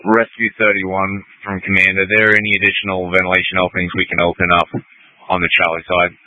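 A man's voice: sits low, monotone, brisk, sharp tone, no echo, low-quality recording. A man working as a fire incident commander, talking in clipped procedural phrases over a two-way radio. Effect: two-way radio transmission. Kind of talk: fire dispatch radio traffic.

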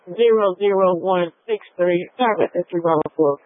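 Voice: mid-range voice, a little fast, a little hiss or hum. A police dispatcher on a police radio transmission, reading numbers back in radio codes. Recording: tinny dry radio channel.

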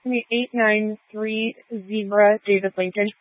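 A woman officer gives call-ins and plate letters in a procedural, matter-of-fact way. She comes through a police radio channel with a narrow, phone-like sound. Her pitch sits mid-range and the sound is dry. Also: steady tone, measured pace, no room sound. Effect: police radio transmission.

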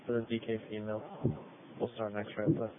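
Flat, clipped man over police radio. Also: fairly low pitch, brisk, slight background noise. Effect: police radio transmission. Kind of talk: radio dispatch traffic. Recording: tinny radio channel.

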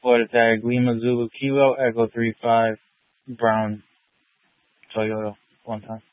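A man's voice on a police radio, thin and tinny as if over a phone line. He rattles off plate letters and codes in a flat, even monotone. Dry and close, no room sound. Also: mid-range voice, measured pace, no room sound. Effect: police radio transmission. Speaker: police officer on patrol.

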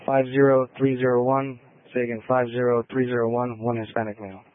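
A man's voice: medium pitch, level tone, brisk, noisy background. A man speaking in clipped radio codes over a police radio transmission. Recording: tinny radio channel.

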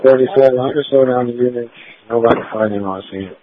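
A man as a police officer in the field, calling in over police radio in clipped, brisk phrases. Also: medium pitch. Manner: brisk, clipped unit call-outs. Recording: husky, tinny radio transmission.

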